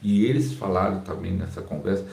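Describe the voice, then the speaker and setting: A man with a Brazilian Portuguese accent, a pastor teaching his audience in a slow, calm, soft-spoken way, recorded on a phone's built-in mic. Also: deep voice, gravelly, reverberant. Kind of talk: informal teaching talk to a live audience.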